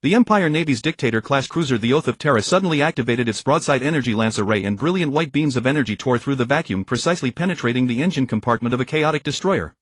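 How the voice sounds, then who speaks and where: Dry steady male audiobook narrator. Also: medium pitch, quick pace, hardly any pauses, no room sound.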